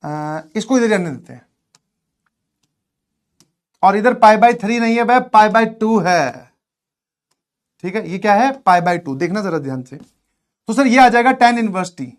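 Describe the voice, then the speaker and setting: A man's voice: high-pitched, lively intonation, unhurried, pauses often. A man teaching math in a lecture, playful, acting out both sides of a dialogue with his students.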